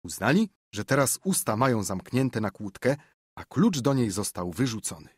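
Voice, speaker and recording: A man reading an audiobook as narrator, in measured, even storytelling from close to the mic. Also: mid-range voice, husky, dry recording. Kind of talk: scripted narration.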